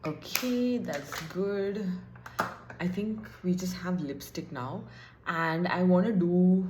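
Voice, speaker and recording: Young woman vlogger, low voice, rambling chatty self-talk, roomy echo. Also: slow pace, noisy background. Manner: chatty, thinking aloud, self-deprecating. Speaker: beauty vlogger. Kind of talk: casual get-ready-with-me chat. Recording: echoey room.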